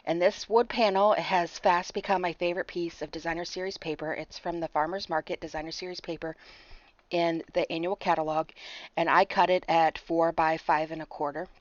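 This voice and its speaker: A woman narrating a card-making tutorial over her footage in a chatty way. She sounds a bit hoarse, clears her throat, and talks through each step with fillers and apologies. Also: on the low side, steady tone, brisk, no echo, muffled recording.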